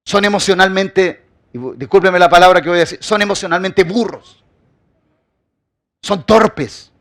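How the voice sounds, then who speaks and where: A man preaching a sermon as pastor, building his points with rhetorical questions and emphatic repetition, often dropping quiet at the end of a phrase. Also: high-pitched, normal speed.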